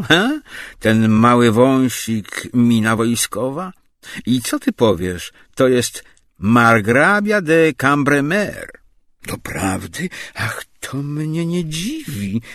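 Man reading doing a snobby old lawyer, slow and smug, acting all modest. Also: low-pitched, no echo, clean studio sound, exaggerated voice. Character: vain older male lawyer, boastful, fake-modest snob.

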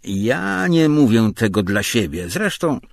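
A man reading a novel aloud, voicing a vain, snobbish senior lawyer who speaks slowly with mock modesty. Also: medium pitch, sing-song, gravelly, voice pushed up, heavily acted. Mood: scheming. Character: vain older male lawyer, boastful, fake-modest snob.

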